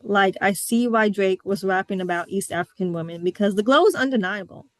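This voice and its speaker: Candid and sassy, this Midwestern podcast host, a young adult woman, tells stories from her own life in a relaxed chat. She talks a little fast at a medium pitch, and the recording has no room sound.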